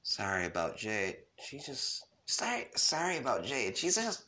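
A man's voice: medium pitch, huge pitch swings, unhurried, sharp tone, voice pushed up, heavily acted. A man reading aloud and voicing a cheerful, somewhat awkward teenage boy who sounds friendly and a bit flustered.

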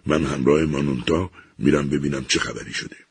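A man voicing a calm, firm scientist who speaks in a measured, soothing way. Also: a bass voice, vocal fry, breathy edge, full character voice.

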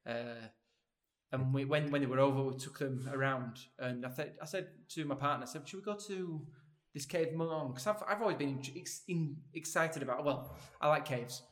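A man's voice: mid-range voice, normal speed. A man hosting a podcast in casual chat, rambling and repeating his phrases. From Britain. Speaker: podcast host. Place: big open lounge, indoors.

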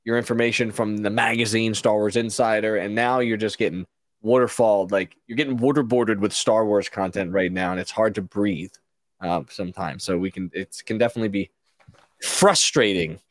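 A man's voice: on the low side, fairly even intonation, fairly quick, no echo. A man hosting a casual show review chat, rambling and opinionated, with frequent restarts. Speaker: podcast host.

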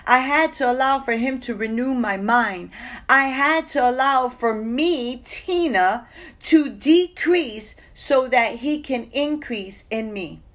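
A woman's voice: sits high, slow pace, fairly bright tone. A woman sharing a personal testimony in a sermon, telling the story earnestly and quoting others along the way.

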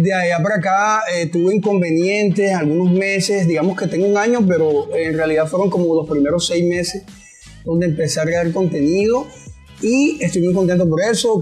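A man's voice: high-pitched, breathy edge. A man with a Colombian Caribbean coast accent chatting casually as an interview guest, in informal, hesitant phrasing. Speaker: interview guest, online comedy creator.

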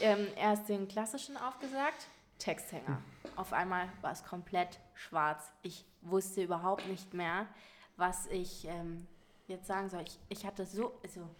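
A young adult woman, a podcast guest, telling a story in casual chat, animated and often laughing as she goes. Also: medium pitch.

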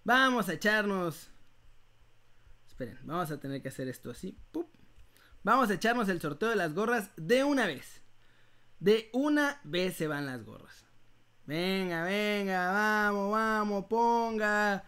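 High-voiced Mexican man, playful prize announcer. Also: measured pace, clear, resonant tone. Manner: playful, animated prize announcer, drawing out winners' names. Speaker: host of an online news channel running a live giveaway. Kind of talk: casual livestream giveaway, talking to viewers.

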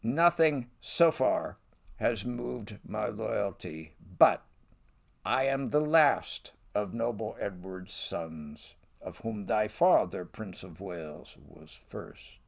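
A man reading as a mild older nobleman, gravelly. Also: on the low side, expressive, slow, full character voice. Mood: indignant. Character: mild-mannered older nobleman losing patience. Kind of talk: reading Shakespeare verse aloud.

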